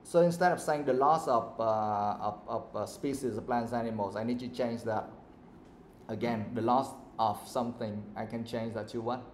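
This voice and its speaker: In an echoey classroom with faint background noise, a male English teacher quizzes his students during a live lesson, switching between English and Vietnamese. His voice is mid-range, a little slow and slightly mellow, and it sounds roomy.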